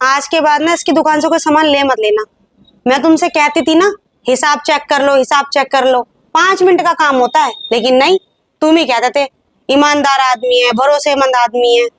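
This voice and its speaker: A woman acts out a wife in a family drama who keeps reproaching her husband. Her voice is high, and she nags with an I-told-you-so edge. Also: moderate pace, lightly acted. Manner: reproachful, scolding. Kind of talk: Hindi family drama acting.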